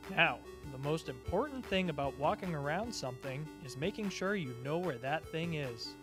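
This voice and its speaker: A man's voice: on the high side, lively intonation, close to an everyday voice. A man playing a cheerful disembodied male voice that patiently and encouragingly teaches in a parody instructional video. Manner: slow, simple, encouraging, talking as if to a child. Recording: music playing behind the voice. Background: music.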